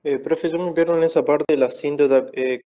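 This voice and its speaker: A male student asking his teacher a hesitant question, his voice very flat in intonation. He comes through a dull, muffled microphone. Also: on the high side. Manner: hesitant and halting.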